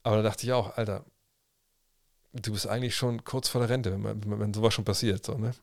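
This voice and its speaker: A man's voice: on the low side, fairly even intonation, fairly quick, vocal fry, no room sound, clean studio sound. A man in his thirties, telling a casual story on a livestream, chatty and full of slang and restarts. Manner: chatty, slangy, restarts and quoted self-talk. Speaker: livestream host.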